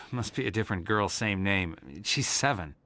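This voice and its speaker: A man's voice: on the low side, expressive, moderate pace, pushed and bright, slight background noise. An actor in his thirties playing an anxious, earnest father, speaking in a hesitant, worried way in a video game. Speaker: father searching for his daughter.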